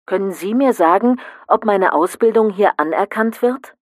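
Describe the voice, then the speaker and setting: A woman's voice: medium pitch, normal speed, no echo, studio quality, lightly acted. A woman acting a polite caller who phrases her questions carefully in a scripted language-course phone dialogue. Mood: polite, inquiring. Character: polite woman caller asking about job recognition.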